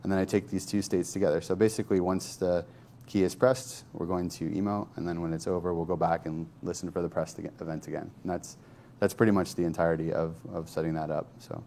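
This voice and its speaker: A man casually demonstrating software on screen, thinking aloud in a loose, conversational way. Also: low-pitched, flat delivery, quick pace, a little hiss or hum. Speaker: software developer demoing a tool. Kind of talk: informal screen-share tech demo.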